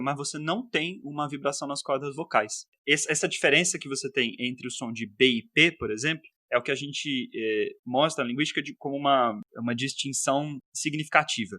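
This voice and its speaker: Podcast guest, male, São Paulo interior accent, brisk explanatory delivery, crisp bright voice. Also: mid-range voice, no room sound, clean studio sound. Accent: São Paulo interior Portuguese. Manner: explanatory, gives examples, many "né?" tags. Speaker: linguist guest.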